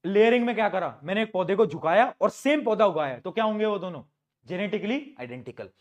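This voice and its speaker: A male teacher giving a lively exam-prep lesson, playfully asking his students questions and answering them himself. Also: high voice, brisk, muffled recording. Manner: calls students "beta", mixes English terms into Hindi.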